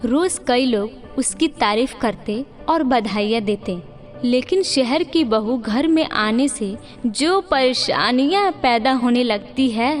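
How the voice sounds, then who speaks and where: Background music runs beneath a woman's slow, scripted narration of a moral cartoon story. Her voice sits very high.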